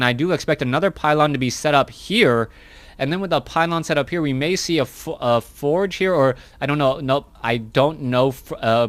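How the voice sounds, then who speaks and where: Chatty male esports caster, higher voice. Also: no room sound. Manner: chatty, restarts and corrects himself often. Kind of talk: live play-by-play game commentary.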